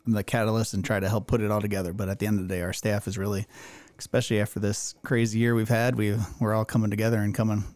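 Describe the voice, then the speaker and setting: A man's voice: lowish voice, level tone, racing, darkish tone, no room sound. A middle-aged man from Pennsylvania, a guest chatting upbeat and enthusiastic in an interview. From Pennsylvania, USA. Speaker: guest, baseball team vice president. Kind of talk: casual interview chat.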